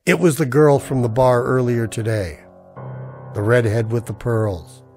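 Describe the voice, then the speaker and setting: An actor with a medium-pitched, darkish voice speaks a little slowly and lightly acted, over faint music, playing a weary, cynical, down-on-his-luck man. The brooding performance is scripted noir narration in the style of old radio plays.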